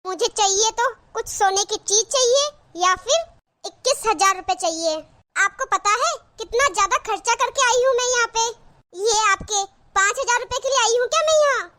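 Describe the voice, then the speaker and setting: A woman voicing a chatty young married sister in a cartoon, with a very high, bright voice. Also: animated, moderate pace, full character voice. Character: cheerful young married sister visiting her brother. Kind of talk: cartoon voice acting.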